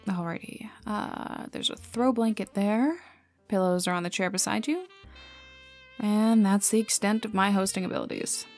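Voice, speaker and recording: In a noir ASMR audio roleplay, a woman voices a sarcastic female private detective, addressing the listener intimately in second person with a dry, casually streetwise, dryly hospitable manner. Her natural voice is mid-range and darkish, with fairly even intonation and a moderate pace, over music, rain and city ambience.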